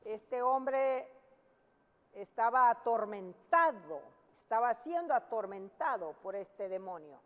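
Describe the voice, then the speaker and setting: Fervent high-voiced woman preacher. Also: animated, takes it slowly, big-room sound. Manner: fervent, repeats phrases while reading scripture. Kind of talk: evening devotional sermon with prayer.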